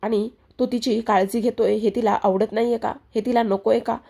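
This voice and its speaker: A woman's voice: fairly high pitch, steady tone, normal speed, creaky, mellow, slightly rough. A woman voicing a mother-in-law who worries that her son's wife cannot be trusted. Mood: worried. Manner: anxious, brooding.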